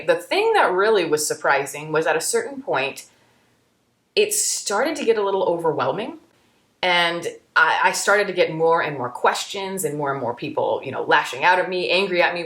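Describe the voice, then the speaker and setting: A woman's voice: deep voice, fairly bright tone, echoey room. A woman answering viewer questions in a casual way, candid and reflective, often restarting her sentences. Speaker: YouTube film reviewer.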